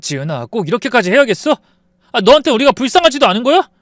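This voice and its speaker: A man's voice: very high voice, big pitch swings, fast talker, no echo, clean studio sound, pitched above the performer's own voice. Man doing a begging, whiny young husband. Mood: pleading. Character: pleading young husband caught lying.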